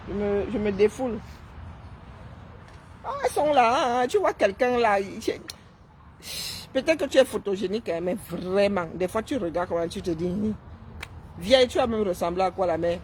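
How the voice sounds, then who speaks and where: A woman's voice: mid-range voice, lively intonation, normal speed, pauses often, a little mellow, slight background noise. A woman doing live-stream commentary while seated, mocking and sarcastic, often tossing in "hein?". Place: seated indoors.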